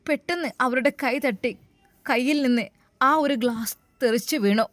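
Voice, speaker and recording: A woman storyteller with a Malabar accent who narrates dramatically, with an exclaiming style. Her voice is somewhat high and recorded close and dry. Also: normal speed, dry recording. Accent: Malabar Malayalam.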